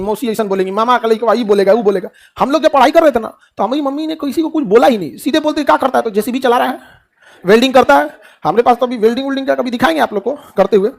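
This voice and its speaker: This middle-aged man's voice is extremely high in pitch, with vocal fry, and carries a Bihari Hindi accent. He gives students a motivational talk, raising rhetorical questions and answering them, joking colloquially.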